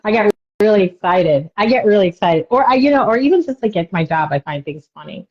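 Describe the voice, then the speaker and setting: A woman's voice: medium pitch, animated, fast talker. A woman co-hosting a casual chat, rambling along with lots of "you know" asides. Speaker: podcast co-host. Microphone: webcam or video call mic. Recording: dull lo-fi sound.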